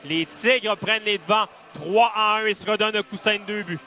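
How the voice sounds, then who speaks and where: A man with a Quebec French accent giving animated live colour analysis of a hockey game. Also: high-pitched, a little fast, faint music behind.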